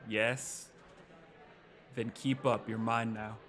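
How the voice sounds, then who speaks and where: A man's voice: mid-range voice, level tone, slow pace, fairly bright tone, faint music behind. A man reading as a curt, stern witch mentor. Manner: curt and commanding.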